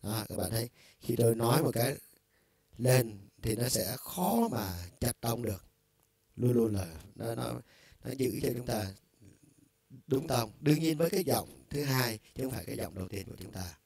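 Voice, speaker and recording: A man with a low, gravelly voice walks through a keyboard's vocal effects in a loose, conversational way. His tone is dark and mellow. The sound is dry and close, with little room around it. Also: expressive, normal speed, dry recording. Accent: Vietnamese. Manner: loose and conversational, with frequent filler words. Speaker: music store product demonstrator. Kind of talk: casual instructional demo.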